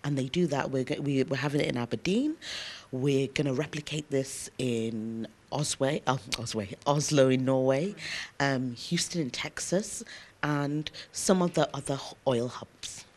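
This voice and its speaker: A woman with a notably low voice speaks as an interview guest. She is earnest and emphatic and stops often to think aloud with a soft "um." Her answers sound conversational, not scripted. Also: unhurried. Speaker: interview guest, university lecturer.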